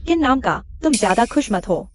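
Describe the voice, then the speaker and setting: A woman's voice: a little high, big pitch swings, moderate pace. An actress playing a haughty, spiteful young village woman who scolds sharply. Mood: threatening. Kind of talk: dubbed short drama acting.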